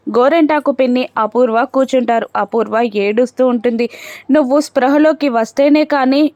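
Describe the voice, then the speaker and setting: A woman narrating a recap of a TV serial episode, telling the story and reading out the characters' lines in a steady storytelling way. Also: a little high, no room sound, studio quality. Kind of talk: retelling a TV serial episode with quoted dialogue.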